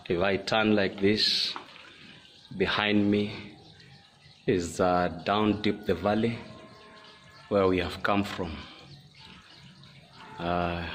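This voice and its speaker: Male vlogger, unhurried and deliberate, speaking from a cave over clear outdoor noise. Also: low-pitched, fairly bright tone. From Kenya. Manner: slow, deliberate, halting delivery. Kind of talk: informal spoken vlog address. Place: inside a cave on a mountain. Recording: noisy outdoor recording, birds and ambience.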